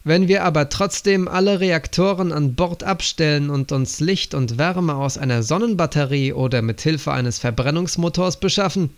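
Ein Mann als ruhiger älterer Anführer. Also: male voice, fairly high pitch, moderate pace, hardly any pauses, natural voice. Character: older male leader, calm and probing.

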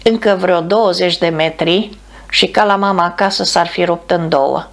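A woman narrating an audiobook in a calm, measured reading. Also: fairly low pitch.

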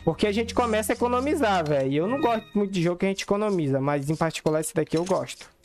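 High-voiced Brazilian streamer man. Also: animated, racing, faint music behind. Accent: Brazilian Portuguese. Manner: slangy, chatty, swearing, talks to chat. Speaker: gaming streamer. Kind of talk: casual gameplay commentary.

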